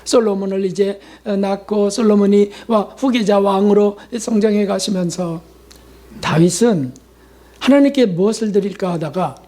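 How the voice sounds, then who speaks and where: Pastor preaching with rhetorical questions. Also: male voice, sits high, mellow. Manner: preaching with acted-out prayers and quotes; asks the congregation rhetorical questions. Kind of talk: sermon.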